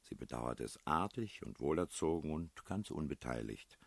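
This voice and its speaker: A man reading a novel aloud in a measured, expressive storytelling manner. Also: extremely low pitch, creaky, no room sound. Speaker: audiobook reader. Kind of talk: literary narration.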